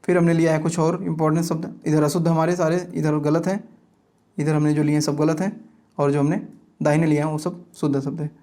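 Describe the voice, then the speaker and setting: A man with a fairly high voice teaching an exam-prep grammar lecture. He reads out example words in steady lists and often pauses to check that his students are following.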